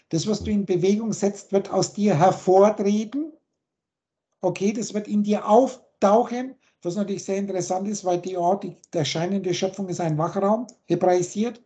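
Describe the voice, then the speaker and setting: A teacher lectures over a video call on word roots, going through long chains of words and their meanings in a warm, medium-pitched voice.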